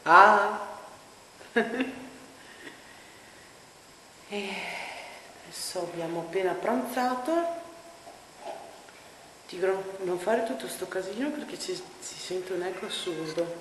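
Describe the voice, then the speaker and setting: A woman chatting casually while vlogging her home renovation, her voice ringing with the loud echo of a bare, emptied room. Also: medium pitch, slow, long pauses. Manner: chatty, wry, narrating while working. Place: empty living room under renovation, indoors. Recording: echoey empty room, faint noise.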